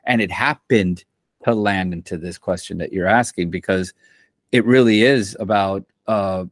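In a casual interview recorded with studio quality and no echo, a Central American film and television composer talks at a moderate pace in a low-sitting voice. His speech rambles loosely, full of slang and restarts.

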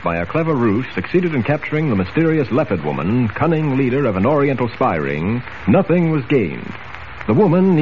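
Man narrating an old radio show. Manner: measured storytelling, lively pitch. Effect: old radio show broadcast. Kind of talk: 1940s radio drama narration. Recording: lo-fi old radio recording with faint hiss.

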